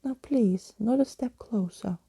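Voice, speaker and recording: Lady doing a flustered old skeleton gent, wordy storybook type, shrieky, very soft dark tone. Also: on the high side, a little slow, creaky, husky, heavily acted. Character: panicky, theatrical old male skeleton gentleman. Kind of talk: acted storybook reading.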